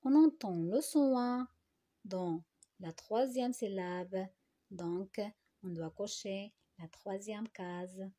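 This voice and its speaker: A woman teaching a phonics lesson to young children, speaking slowly and deliberately, repeating words and stretching them out syllable by syllable. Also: medium pitch, mellow. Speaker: primary school teacher.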